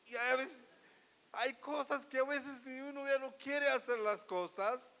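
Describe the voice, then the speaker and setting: A man preaching a sermon as pastor, emphatic and full of rhetorical questions, his delivery swinging between loud and hushed. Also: extremely high pitch, steady tone, a little slow. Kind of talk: Spanish-language sermon. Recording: long hall reverb.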